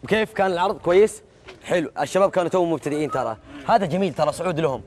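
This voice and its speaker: A man's voice: on the high side, racing, darkish tone. A man with a Gulf Arabic accent chatting casually and animatedly in a group, often repeating his words insistently. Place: large walled courtyard set with a group of men.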